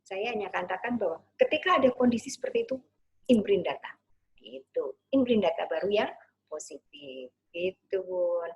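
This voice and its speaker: A woman parenting coach giving a gentle online talk, sometimes acting out soothing words to a child. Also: medium pitch, expressive, moderate pace, slightly rough, highs cut off.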